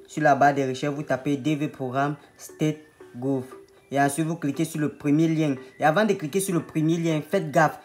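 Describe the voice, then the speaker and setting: A man explaining a computer tutorial step by step over a screen recording. He talks patiently and repeats steps to make them clear. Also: medium pitch, a little mellow. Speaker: online tutorial host.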